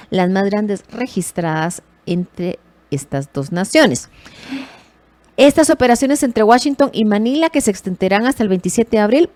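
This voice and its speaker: A woman delivering news commentary in a casual, animated way, correcting herself as she goes. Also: medium pitch. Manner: lively, animated emphasis with self-corrections.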